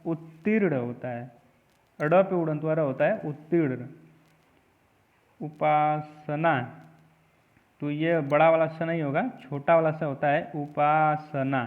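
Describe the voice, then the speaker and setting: A man with a slightly raised voice teaches a spelling lesson, patiently repeating every word and its correct form. The sound is thin and tinny, as if recorded on a phone. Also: on the high side. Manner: repetitive, drills each word slowly. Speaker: exam prep teacher.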